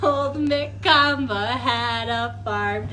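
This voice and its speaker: A librarian runs an interactive storytime for children, her fairly high voice animated with exaggerated wonder and coaxing questions. She speaks very slowly, and a faint hiss or hum sits under the recording.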